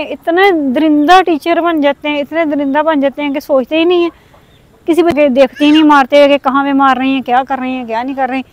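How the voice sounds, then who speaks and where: A woman in her thirties from Pakistan speaks straight to her viewers in a high voice. She sounds aggrieved and earnest, like a mother venting to her audience. She is recorded outdoors in a village setting, with animal sounds behind her. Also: dry recording. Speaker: vlogger. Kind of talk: casual vlog talk.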